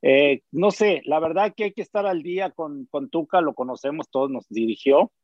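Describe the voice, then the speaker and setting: A man's voice: fairly high pitch, normal speed, dry recording, highs cut off. A man with a Mexican accent, a former player, talking football in casual chat, hesitant and full of fillers and tag questions. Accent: Mexican Spanish.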